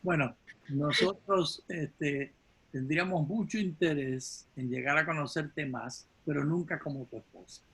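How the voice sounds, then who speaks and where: A man leading a class as its teacher in a conversational way, with a husky voice. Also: a little high, a little slow, a bit bright, rough recording.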